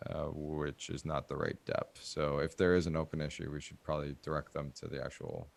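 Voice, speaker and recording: A man with an extremely deep, gravelly voice, rambling through his points with many fillers and restarts. He is leading a casual online meeting call. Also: flat delivery, a little fast. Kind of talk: casual technical meeting talk.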